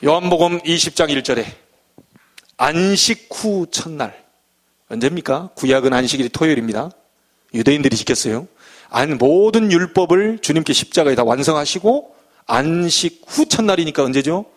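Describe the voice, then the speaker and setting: A middle-aged man preaching a sermon as a pastor, animated and acting out the voices he quotes. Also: fairly high pitch, moderate pace.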